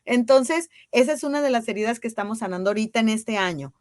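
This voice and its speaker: A woman's voice: a little high, lively intonation, fast talker, no room sound, clean studio sound. A woman, a guest in a casual interview, who talks earnestly and emphatically and uses rhetorical questions. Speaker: guest on women's ceremonial circles.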